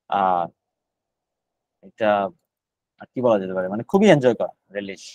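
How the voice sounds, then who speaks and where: A man leads a live online GRE vocabulary session, going over each word in Bengali laced with English terms and repeating the words along the way. His pitch is medium, and the recording is dry and rough.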